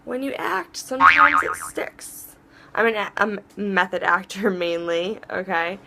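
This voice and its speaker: A chatty, rambling vlog host offers casual advice, often restarting her sentences while staying warm and encouraging toward viewers. Her pitch is medium and her pace normal, with soft music playing in the background.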